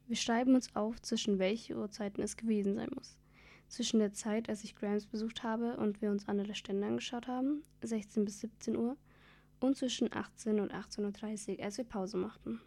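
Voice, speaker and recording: A woman reading a children's story aloud in first person. Her voice is mellow and dark, and her pitch stays flat. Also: normal speed.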